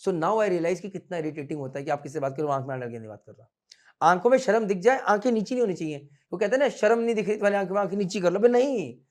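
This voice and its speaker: A man in his thirties teaching students in a classroom, mixing Hindi and English, switching between fast and slow, loud and soft speech. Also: sits high. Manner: mixes Hindi and English freely, scolds playfully. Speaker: merchant navy coaching instructor. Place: classroom with students standing behind.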